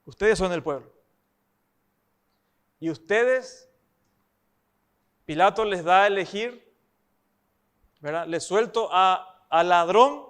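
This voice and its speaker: A man's voice: sits high, fairly bright tone, clear, resonant tone. A man preaching a sermon, emphatic and often asking the congregation rhetorical questions.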